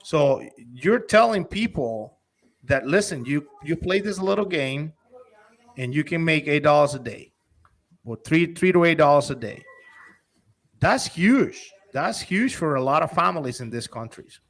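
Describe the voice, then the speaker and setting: A man's voice: fairly high pitch, lively intonation, unhurried, fairly bright tone. A man from Honduras, an investor and company executive, talking eagerly and persuasively in a casual interview, often restarting his sentences.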